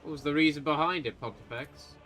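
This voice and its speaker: A man's voice: on the high side, a little fast, a bit bright. A man running a tabletop game as game master on a livestream, narrating scenes and asking questions with casual asides.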